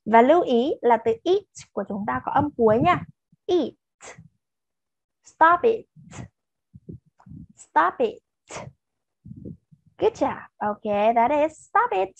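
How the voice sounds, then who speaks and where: A woman's voice: high voice, animated, moderate pace, vocal fry, hardly any pauses, a little mellow, dry recording, dull audio. A woman with a Vietnamese accent teaching English to children, patiently mixing Vietnamese explanations with repeated English drill words. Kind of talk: slow lesson with repeated pronunciation drills.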